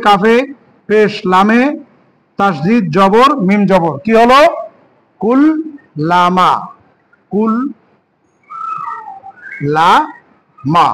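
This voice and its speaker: A man teaching Quran reading, spelling out letters and vowel marks slowly and asking the learner rhetorical questions. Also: high-pitched, fairly bright tone, poor audio. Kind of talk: step-by-step reading lesson.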